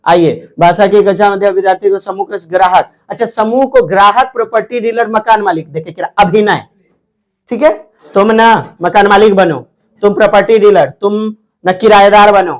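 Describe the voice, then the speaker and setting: A man's voice: high voice, moderate pace. A male teacher giving an exam-prep lecture, drawing out words and repeating key terms.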